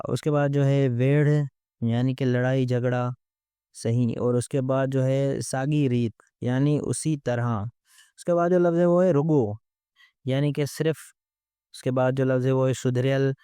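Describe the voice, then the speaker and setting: A man teaching a vocabulary lesson, explaining word meanings one by one with steady repeated phrasing. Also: medium pitch, smooth, no echo, clean studio sound.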